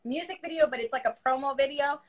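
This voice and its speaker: A woman's voice: high voice, fast, lo-fi sound. Young woman with a New York accent. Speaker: musician interviewed on a livestream. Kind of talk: casual livestream chat.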